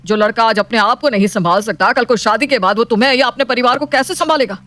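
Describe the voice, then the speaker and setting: A woman voicing a strict, proud, wealthy middle-aged father in an animated storybook, scolding and commanding. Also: fairly high pitch, fast, close to an everyday voice. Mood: stern.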